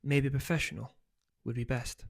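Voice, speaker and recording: A man's voice: mid-range voice, steady tone, normal speed, creaky. A strict mother read aloud by a man who snaps orders at her son and grumbles when he won't eat. She switches to polite small talk with her guest. She is a character in a children's storybook. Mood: stern. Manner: sharp and scolding, then chatty. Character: stern, busy mother of a boy.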